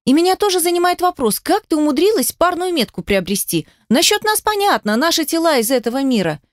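A woman's voice: sits high, fairly quick, no room sound, clean studio sound, voice pushed up. Woman putting on a teasing curious old granny. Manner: lively, teasing questions. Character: curious joking old granny, meddling and warm.

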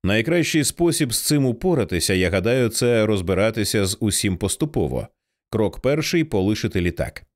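Audiobook narrator: male, lowish voice, animated, measured delivery. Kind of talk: scripted narration.

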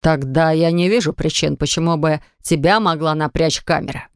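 Audiobook: woman doing a cool, clipped, gravelly husband, dry studio read. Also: fairly even intonation, dry recording. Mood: stern. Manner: cool, clipped, low and unhurried. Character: domineering jealous husband, calm and stern. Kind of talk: audiobook narration.

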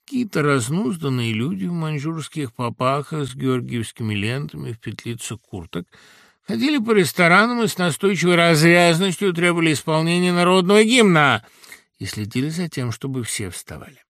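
Brief: male narrator, dramatic and animated delivery, close dry studio sound. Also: fairly high pitch, normal speed, creaky, no room sound. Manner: dramatic, expressive storytelling. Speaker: audiobook reader. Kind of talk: literary audiobook narration. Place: recording studio. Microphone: studio mic.

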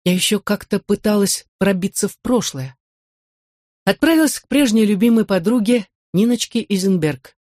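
A woman narrating a memoir audiobook in a measured, expressive reading. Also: medium pitch, no room sound, clean studio sound.

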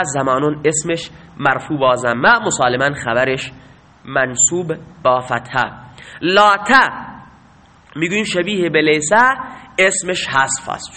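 A man's voice: fairly high pitch, sharp tone. A man teaching a grammar lesson, asking questions and answering them himself.

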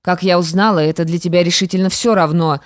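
A woman's voice: on the low side, steady tone, quick pace, dry recording, clean studio sound, close to an everyday voice. A woman voicing a scheming young widow, a stepmother who sounds falsely sweet and menacing. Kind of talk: audiobook character reading.

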